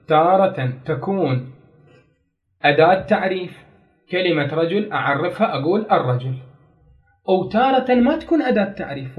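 A man's voice: high-pitched, muffled recording. A man teaching a grammar lesson, explaining step by step, repeating key terms and putting questions to his students. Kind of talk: classroom lecture.

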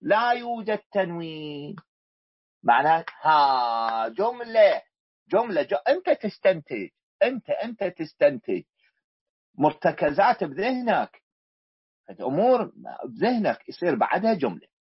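A man's voice: on the high side, big pitch swings, measured pace, long pauses, slightly rough, dry recording. A man with an Iraqi accent teaching a grammar lesson, quizzing the class and repeating key words, on a dull lo-fi recording. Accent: Iraqi Arabic.

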